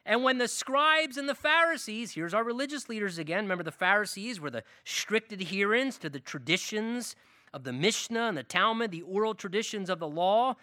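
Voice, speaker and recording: A man preaching a sermon as pastor, emphatic and animated, building his points through long lists of phrases. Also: high-pitched, a little fast, no echo, clean studio sound.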